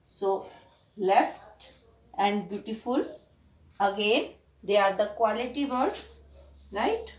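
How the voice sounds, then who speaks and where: A woman's voice: mid-range voice, animated, slow, echoey room. A woman with an Indian accent teaching a grammar lesson, explaining step by step, often checking with "right?" and slipping into Hindi. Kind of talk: grammar lesson for school students.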